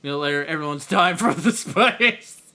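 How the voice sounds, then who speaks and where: A man's voice: on the high side, animated, normal speed, sharp tone. A man streaming a video game, making laid-back, casual comments, laughing often and swearing now and then. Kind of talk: gameplay commentary. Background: game music and voices.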